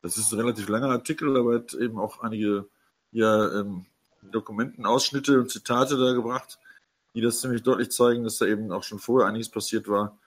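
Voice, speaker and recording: A man's voice: fairly low pitch, steady tone, a little fast, slightly rough. A man co-hosting a casual talk show, speaking hesitantly with many fillers. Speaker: podcast co-host. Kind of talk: casual chat.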